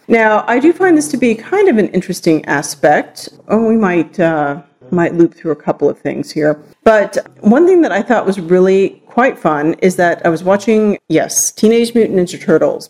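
A woman's voice: fairly low pitch, a little mellow. A woman hosting a podcast, talking casually into a handheld voice recorder in a chatty, rambling way. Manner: chatty, rambling, laughs now and then. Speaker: podcast host. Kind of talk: casual solo podcast talk.

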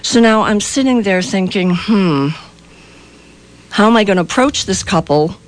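A woman's voice: medium pitch, expressive, measured pace. A woman guest on a radio show, an animal communicator telling an emotional story in an emphatic, earnest way.

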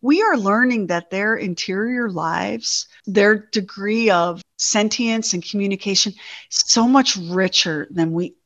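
Expressive woman telling pet stories. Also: mid-range voice, measured pace, no room sound. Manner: storytelling, animated and expressive. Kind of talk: casual chat.

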